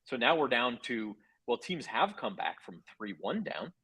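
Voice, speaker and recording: A man with a slightly husky, mid-range voice makes his case in a calm, measured way, laying out numbers step by step. He sounds like a casual co-host trading views in a conversation. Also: medium pitch. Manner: reasoned, measured pushback. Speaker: sports betting podcast co-host. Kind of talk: casual sports betting debate.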